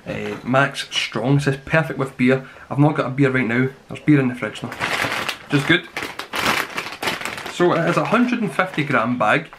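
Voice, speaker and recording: A man in his twenties reviews snacks in a casual, rambling way, with a mid-pitched voice. He grumbles in deadpan fashion and swears mildly. The recording is a clearly noisy home one, made on a camera mic in a small room. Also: moderate pace. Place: small plain room indoors.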